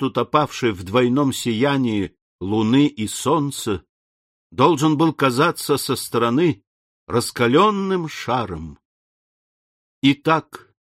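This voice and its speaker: A man narrating a novel with steady, deliberate pacing in a mid-pitched voice. The recording is dry and close-miked, with no room sound at all. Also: no room sound. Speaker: audiobook narrator. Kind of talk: scripted narration.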